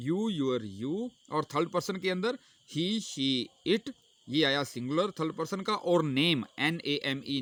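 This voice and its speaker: A man teaching English grammar in Hindi, asking questions and answering them himself, reading English example sentences slowly. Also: fairly high pitch, a bit bright. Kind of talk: explaining a grammar lesson.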